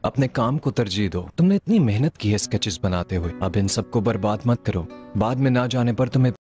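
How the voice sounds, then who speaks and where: A man voicing a calm supportive young man. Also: on the low side, a little fast, soft background music, lightly acted. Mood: firm. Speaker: dubbed actor. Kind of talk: dubbed TV drama.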